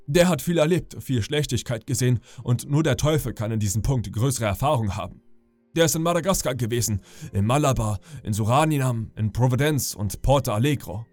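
A man's voice: medium pitch, expressive, a little fast, darkish tone, dry recording, soft background music, close to an everyday voice. A man voicing a friendly, talkative old ship's cook in a sleep audiobook, genial and boastful. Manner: genial, chatty, boastful storyteller. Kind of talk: audiobook character reading.

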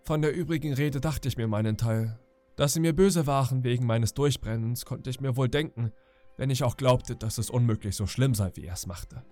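A man calmly narrating an audiobook meant for falling asleep to. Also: medium pitch, normal speed, soft background music. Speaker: audiobook reader. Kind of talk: calm bedtime audiobook narration.

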